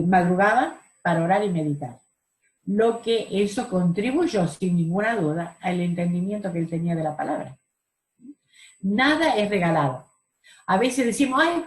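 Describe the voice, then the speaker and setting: A woman's voice: on the low side, darkish tone, reverberant, poor audio. A woman teaching a Bible study class over a video call, explaining verses and asking the group questions. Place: home room on a video call.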